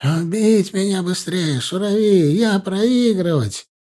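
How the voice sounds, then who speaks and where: A man's voice: high voice, slow, warm tone, pitched above the performer's own voice. Man voicing a terrified young captive fighter. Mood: defiant. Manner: pleading, sobbing, broken grammar. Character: young male enemy fighter, terrified captive, broken Russian.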